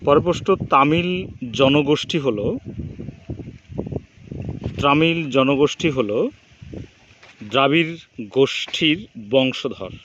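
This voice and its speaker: Male teacher, quiz-style exam review, dull lo-fi sound with faint noise behind. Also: mid-range voice. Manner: reads each question then its answer, steady drilling rhythm.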